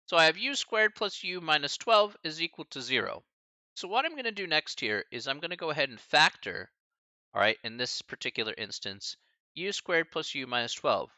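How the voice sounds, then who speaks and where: Lively man in his forties teaching math. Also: fairly high pitch, normal speed, dry recording. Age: 40s. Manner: lively, chatty asides to chat, laughs often. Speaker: college math instructor. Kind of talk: live-streamed math lecture.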